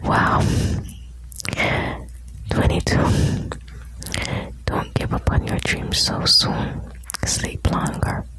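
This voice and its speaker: A woman whispers slowly, right up by the ear, in an ASMR style. She is soothing and intimate, reading short lines and adding chatty asides as if to one listener. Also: low-quality recording. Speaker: ASMR host reading quotes.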